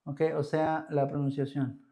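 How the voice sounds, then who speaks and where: A man's voice: on the high side, flat delivery, a little slow, warm tone. A young man from Mexico with a Mexican Spanish accent, teaching English grammar on a live stream, chatting with viewers and checking in with "¿ok?" all the time. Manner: chatty, answers viewer comments, checks in with "¿ok?" often.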